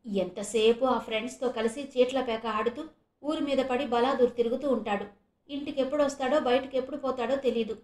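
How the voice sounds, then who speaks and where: A woman's voice: a little high, steady tone, fairly quick, darkish tone, roomy sound, voice pushed up, lightly acted. A woman voicing a weary middle-aged mother who laments her son's ways. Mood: sorrowful. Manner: sorrowful, lamenting.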